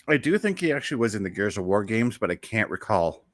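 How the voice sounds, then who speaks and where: Speaking fast in a sing-song, lowish voice, this show host chats casually about video games on a podcast. He's enthusiastic and rambling, frequently doubling back mid-sentence, and the recording is dry.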